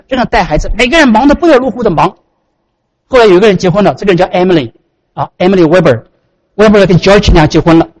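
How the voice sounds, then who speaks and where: Male pastor, husky voice, quick lively sermon delivery. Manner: animated storytelling, frequent pitch swings.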